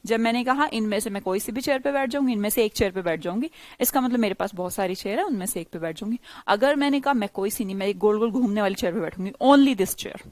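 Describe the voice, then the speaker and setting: Leading a live English grammar lesson, an Indian woman with a mid-range voice keeps her explanations lively and playfully tests her class with quick questions. There's no echo on the audio.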